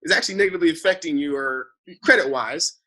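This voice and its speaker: A financial advisor with a slightly high voice talks fast, explaining money matters in a casual conversation. He is animated, speaking in long explanatory runs and often checking in with "right?".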